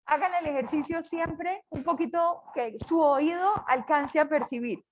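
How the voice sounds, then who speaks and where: An older woman from Colombia with a Colombian accent, teaching a class with a lively, joking manner. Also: high-pitched, a little slow, rough recording. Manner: lively, jokes with students. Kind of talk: online class lecture.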